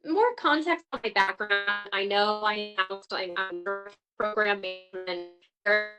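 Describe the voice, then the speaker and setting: A woman's voice: mid-range voice, slow pace, muffled recording, loud music behind the voice. A woman presenting a career workshop over a video call, her connection choppy and her audio cutting in and out so the volume rises and drops. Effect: choppy audio cutting in and out, uneven volume. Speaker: career coach and program manager.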